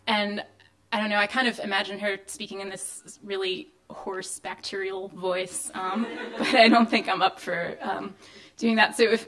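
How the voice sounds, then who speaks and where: Woman poet reading her stuff at a live reading, mid voice, slow careful lines, lots of ums when she chats. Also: mid-range voice, a bit bright. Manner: measured, deliberate reading between chatty, filler-heavy asides. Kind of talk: poetry reading to a live audience. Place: indoor venue of a reading series.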